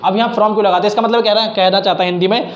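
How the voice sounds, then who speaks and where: Speaking very fast in a high-pitched, fairly even voice, this math tutor explains each step casually and uses English math terms along the way. The recording is muffled, echoey and carries faint background noise.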